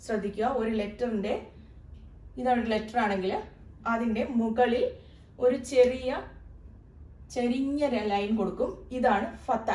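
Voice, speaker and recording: A woman's voice: a little high, fairly even intonation, unhurried, pauses often, a little mellow. A woman teaching a beginners' Arabic lesson, patiently explaining and repeating each sound. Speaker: Arabic tutor. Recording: echoey room, voice from a distance.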